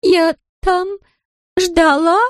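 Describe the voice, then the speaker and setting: A woman's voice: level tone, very slow, dry recording, clean studio sound, full character voice. A woman reading an audiobook, voicing a drunk, jealous glamorous woman who slurs and shrieks. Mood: drunken shrill. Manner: slurred, shrill, screaming.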